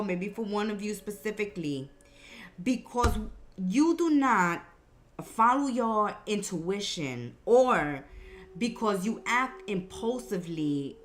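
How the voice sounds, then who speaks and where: Slow-paced woman giving a mystical horoscope reading. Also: mid-range voice. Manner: emphatic, repeats phrases for effect. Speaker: tarot and horoscope reader, host.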